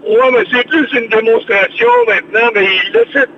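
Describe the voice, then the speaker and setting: Talking casually by phone for a radio show he hosts, a chatty older man rambles on and often repeats himself in a Québécois French accent. His voice is high and expressive at a moderate pace, coming through a dull, muffled line with a faint hiss behind it.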